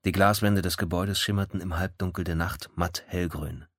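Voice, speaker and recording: A man reading a crime story aloud in measured, even audiobook narration. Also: deep voice, dry recording, studio quality.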